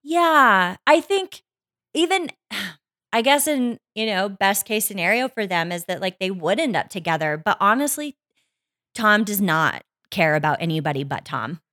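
A woman's voice: medium pitch, expressive, a little slow, pushed and bright. A woman co-hosting a podcast in casual chat, emphatic and opinionated, swearing freely. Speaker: podcast co-host.

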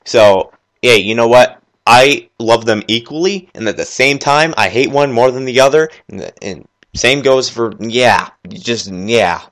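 A man hosts his own gaming podcast alone at his computer. He talks fast and with enthusiasm, rambling from point to point and restarting sentences as he goes. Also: medium pitch, fairly bright tone. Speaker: podcast host. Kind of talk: solo gaming podcast chat. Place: at his computer, working while talking.

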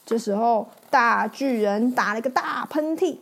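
Animated woman reading a picture book aloud. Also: on the high side, unhurried, creaky. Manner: animated, with sound effects and questions to the listener. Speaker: storyteller.

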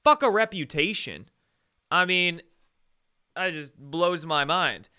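A man's voice: on the high side, expressive, slow pace, pushed and bright, smooth. A male host doing live-stream commentary, ranting with sarcasm and frequent swearing.

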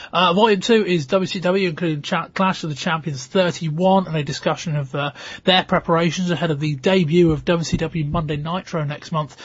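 Husky, high-pitched man with sore throat. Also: dry recording, highs cut off. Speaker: podcast host. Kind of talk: scripted match recap and casual hosting.

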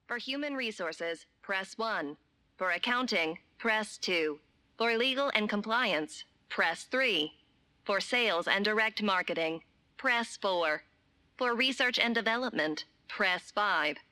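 A woman voicing an automated office phone menu, with a measured, polite, impersonal delivery. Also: mid-range voice, pushed and bright, clean tone. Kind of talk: recorded phone menu announcement.

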